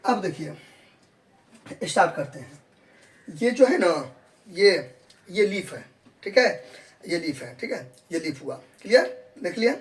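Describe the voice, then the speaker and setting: A man's voice: high-pitched, very animated, a little slow, pauses often. A man teaches biology in a classroom style. He repeats each point and answers his own questions. He coaxes the students along as he shows them a real leaf. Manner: calls students "babu log" in a coaxing tone.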